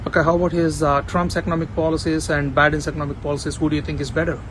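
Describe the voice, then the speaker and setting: A man with a slightly raised voice runs quick street interviews, tossing out short questions and chiming in with brief agreement. A faint hum of surroundings sits behind him. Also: fairly high pitch, level tone. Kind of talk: vox pop questions.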